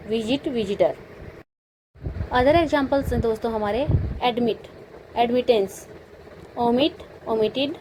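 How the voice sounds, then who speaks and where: A woman with a fairly high voice teaches a spoken grammar lesson, spelling out each word letter by letter and asking her own rhetorical questions. Faint traffic hums in the background. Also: a little mellow, rough recording. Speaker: English teacher.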